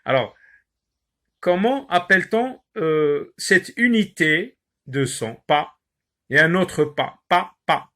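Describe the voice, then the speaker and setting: Man teaching little kids to split words into syllables, slightly high voice, stretches words out slowly. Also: pushed and bright. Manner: slow, drawn-out word repetitions with many "euh" pauses. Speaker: primary school teacher. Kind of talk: classroom lesson on syllables.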